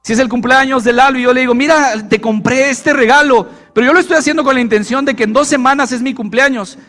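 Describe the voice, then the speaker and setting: A man's voice: very high-pitched, fast talker, a bit bright, soft background music. A male pastor preaching a sermon, repeating key phrases and putting questions to the congregation. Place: church.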